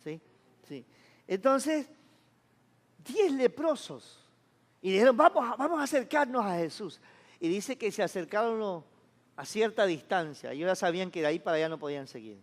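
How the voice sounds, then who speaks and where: High-voiced preaching pastor in a reverberant church. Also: male voice, sing-song, moderate pace, pauses often. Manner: conversational preaching, asks the congregation for agreement. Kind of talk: sermon.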